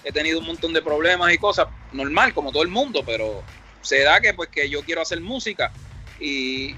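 Reflective Puerto Rican rapper, bright voice. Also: male voice, fairly high pitch, lively intonation, fairly quick, faint music behind. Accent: Puerto Rican Spanish. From Puerto Rico. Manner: rambling, reflective, acts out quoted dialogue. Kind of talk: casual interview storytelling.

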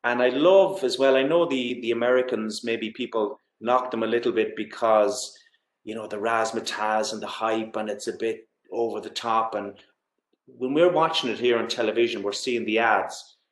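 A man's voice: on the low side, normal speed. Echoey west of Ireland man chatting sport. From Galway, west of Ireland. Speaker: interview guest. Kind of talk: casual sports chat. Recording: roomy, echoey sound.

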